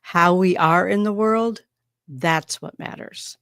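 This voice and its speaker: A woman hosting a spiritual podcast, talking in a reflective, unhurried way with soft pauses. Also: lowish voice, no echo, clean studio sound. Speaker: podcast host. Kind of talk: casual spiritual talk.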